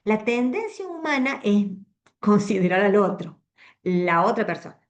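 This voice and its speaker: A woman with a Rioplatense Spanish accent giving a conversational, expressive Bible talk to a women's meeting, often checking in with her listeners. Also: medium pitch, measured pace, dull audio. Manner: conversational, frequent tag questions, expressive. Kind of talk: Bible teaching to a women's group.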